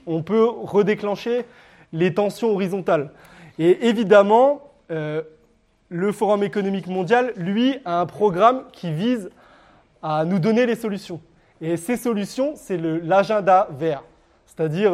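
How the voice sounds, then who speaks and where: Guy with a pretty high voice lecturing a crowd, lots of pauses and fillers. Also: darkish tone. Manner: hesitant, frequent "euh" fillers and restarts; addresses the audience directly. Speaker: conference speaker. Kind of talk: public lecture with slides.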